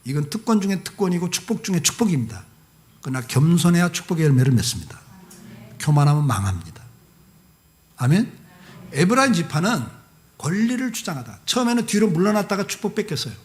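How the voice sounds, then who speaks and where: A man preaching a sermon as a guest pastor, telling the story in a lively way, acting out dialogue and adding humorous asides. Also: high voice, fairly quick. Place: church service.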